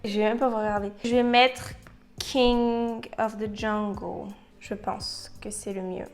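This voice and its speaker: A woman's voice: medium pitch, steady tone, unhurried. A young woman chatting casually through a makeup tutorial, slipping into English phrases and bursting into playful outbursts. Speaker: beauty vlogger.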